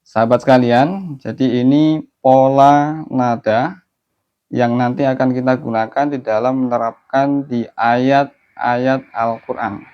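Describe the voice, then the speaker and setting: A man teaching Quran recitation online, explaining patient steps and then chanting verses slowly in a melodic tone. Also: mid-range voice, steady tone, clear, resonant tone. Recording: dull lo-fi audio.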